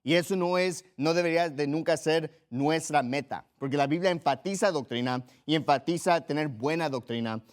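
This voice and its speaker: Male pastor, sermon, emphatic, repetitive, fairly high voice. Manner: earnest, emphatic preaching with repeated phrases.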